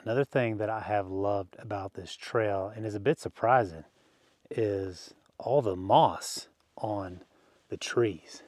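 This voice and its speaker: A man's voice: on the low side, takes it slowly, no room sound. Chatty man narrating a hike. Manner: relaxed, chatty, frequent fillers and small laughs. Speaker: hiking vlogger. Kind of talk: casual narration while hiking. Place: outdoors on a desert canyon trail.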